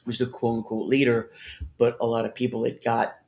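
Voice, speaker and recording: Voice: mid-range voice, monotone, fairly quick, a little mellow, lo-fi sound. A podcast co-host, bantering bluntly with heavy swearing and sarcasm. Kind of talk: casual crude banter.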